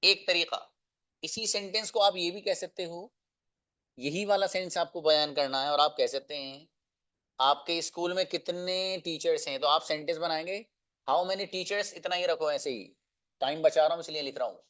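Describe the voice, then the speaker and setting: A man teaching spoken English in an online class, drilling phrases slowly and asking students to repeat them. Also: on the high side, pushed and bright. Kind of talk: slow, explanatory online class.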